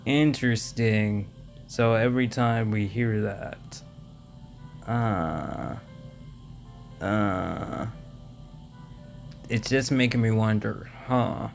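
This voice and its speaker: A man reading a visual novel aloud with casual commentary, halting and stumbling over words. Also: lowish voice, creaky, faint music behind. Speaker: let's play host reading a visual novel.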